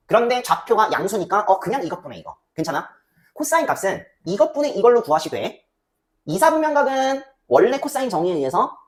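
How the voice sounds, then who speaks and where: A woman teaching a math lesson in a casual, chatty way, often asking the students to check along. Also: mid-range voice. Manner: chatty, asks students frequent checking questions; voices student replies herself. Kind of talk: casual lecture.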